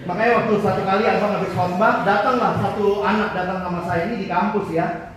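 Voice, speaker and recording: A man preaching a sermon to a campus crowd, animated and acting out the voices he quotes. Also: high voice, quick pace. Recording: echoey hall from far off.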